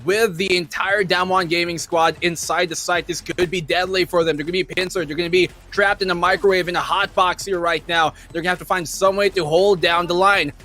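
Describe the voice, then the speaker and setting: A man's voice: high-pitched, steady tone, a little fast, hardly any pauses, pushed and bright. A man giving live esports play-by-play commentary in a flowing, colorful caster patter.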